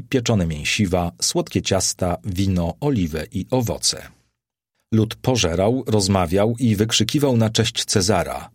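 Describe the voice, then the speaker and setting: Deep-voiced male audiobook narrator. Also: husky, no echo, clean studio sound. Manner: measured literary reading. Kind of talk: audiobook narration of a classic novel.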